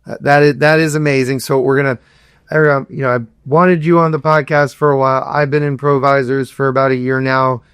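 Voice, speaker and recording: A man hosts a podcast with a smooth, resonant voice and a dry, close sound. He asks his questions enthusiastically, in quick bursts. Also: mid-range voice, level tone, fairly bright tone, dry recording. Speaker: podcast host, attorney. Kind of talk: interview conversation.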